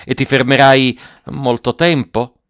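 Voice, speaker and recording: A man's voice: mid-range voice, steady tone, a little slow, fairly bright tone, clear, resonant tone, no room sound, studio quality, voice pushed up. A man voicing a cold, proud aristocratic husband, speaking curtly in a dull lo-fi recording. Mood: questioning. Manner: curt and cold.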